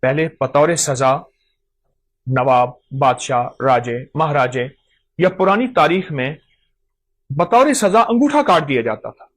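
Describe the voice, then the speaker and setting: A man's voice: fairly high pitch, lively intonation, slow, pauses often. A man giving an emphatic talk on folk remedies, repeating phrases for stress. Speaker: host.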